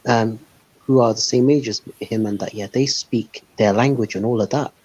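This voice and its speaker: A man's voice: mid-range voice, fairly even intonation, normal speed, a little mellow, slightly rough. A man hosting a casual online panel, rambling with lots of "like" and "um". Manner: rambling, heavy use of "like" and "um". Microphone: voice call over a live stream. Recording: dull lo-fi stream call audio.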